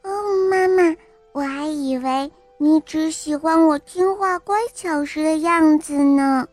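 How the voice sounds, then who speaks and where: A woman's voice: sits high, measured pace, darkish tone, no echo, faint music behind, voice pushed up. A woman voicing a sweet, affectionate little bunny child in a storybook, cooing and childlike.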